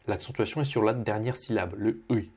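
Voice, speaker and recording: A man teaching pronunciation as he corrects a student, patiently repeating each word slowly. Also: lowish voice, a little mellow, slightly rough. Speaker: Russian language teacher.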